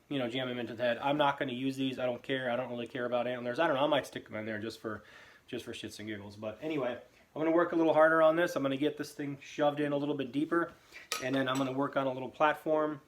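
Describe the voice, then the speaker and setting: A man hosting a casual product review, talking in a rambling, offhand way in his echoey home basement. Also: medium pitch. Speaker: host.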